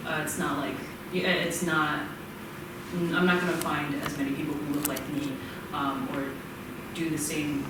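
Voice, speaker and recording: Halting young student, echoey room. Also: medium pitch, little pitch movement. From United States. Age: young adult. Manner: halting, many restarts. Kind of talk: casual group discussion. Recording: echoey room, distant mic, background noise.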